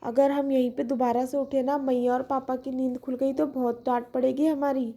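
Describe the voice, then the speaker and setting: A woman's voice: high voice, flat delivery, moderate pace, warm tone, voice pushed down. A woman voicing a sleepy young schoolboy in a village cartoon, coaxing his sister.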